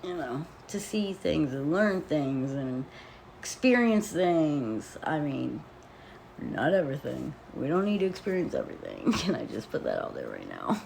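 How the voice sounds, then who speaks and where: A woman's voice: deep voice, very animated, unhurried, vocal fry, darkish tone, slight background noise. A woman casually telling a personal story in a rambling way, with lots of "like" fillers and blunt, profane wording. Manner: rambling, with frequent "like" fillers and nervous laughs. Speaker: vlogger.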